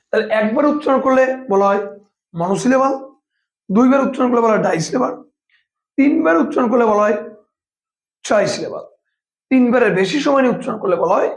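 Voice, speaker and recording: Woman teacher, lively rising and falling pitch, roomy echo, slow sounded-out words. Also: vocal fry. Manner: slow, syllable-by-syllable demonstration of words; repeats and rephrases each point, asks questions and answers them. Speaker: English teacher. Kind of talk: classroom-style grammar lesson. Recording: roomy, echoey room sound.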